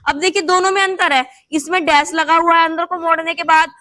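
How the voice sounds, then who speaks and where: Bright, high-voiced woman teaching shorthand. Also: level tone, brisk, no echo. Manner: patient, repeats steps with "thik hai" checks. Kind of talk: explaining while writing on a board.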